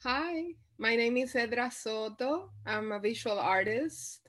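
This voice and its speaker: A woman from Puerto Rico, a visual artist, answering interview questions haltingly with many pauses and restarts. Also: a little high, animated, fairly bright tone, soft background music.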